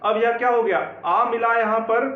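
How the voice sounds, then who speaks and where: A man's voice: very high voice, fairly even intonation, normal speed, echoey room, narrow, tinny audio. A man teaching grammar, explaining step by step and often checking that students follow. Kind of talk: classroom lecture.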